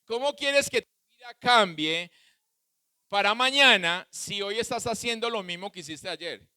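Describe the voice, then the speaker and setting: A male pastor preaching a sermon with a Colombian Spanish accent, swinging between loud shouts and soft asides. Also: sits high, unhurried, smooth, dry recording.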